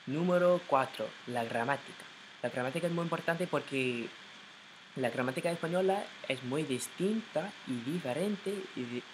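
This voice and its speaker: A man's voice: mid-range voice, background noise. A young man from the United States, a native English speaker, vlogging casually at home in Spanish into a laptop mic, hesitant and stumbling, often restarting and correcting himself. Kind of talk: casual learner's vlog in Spanish. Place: at home in his room.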